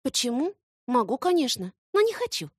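Woman voicing a bold young heroine, teasing, mocking, high-pitched, swooping intonation. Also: sing-song, moderate pace, husky, no room sound, clean studio sound, heavily acted.

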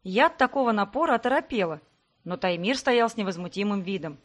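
A woman narrating a first-person novel in a measured, even reading. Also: mid-range voice. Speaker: audiobook reader.

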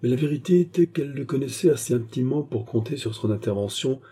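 A man reading a novel aloud as scripted narration, with a steady literary delivery and a shift in voice for each character. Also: medium pitch, quick pace, slightly rough. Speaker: audiobook reader.

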